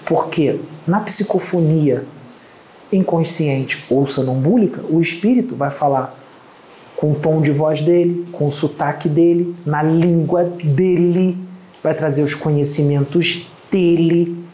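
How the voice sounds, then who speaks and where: A man's voice: on the high side, measured pace, warm tone, echoey room, low-quality recording. A man with a Carioca accent from Rio de Janeiro, a medium giving an emphatic, lecturing spiritual talk that scorns his critics. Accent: Carioca Portuguese. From Rio de Janeiro, Brazil.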